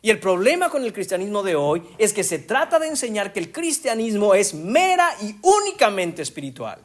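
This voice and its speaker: A man delivers a church sermon in a high, lively voice that swings widely in pitch. He presses hard on key words and keeps turning to the congregation as brothers. The delivery is emphatic throughout. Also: normal speed. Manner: emphatic, rising to strong stresses on key words; addresses the congregation often as brothers. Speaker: pastor.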